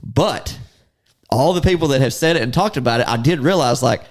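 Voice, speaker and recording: Animated, laughing man telling a hunting story. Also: medium pitch, fairly quick. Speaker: duck hunting guide and podcast host. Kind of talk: casual storytelling chat.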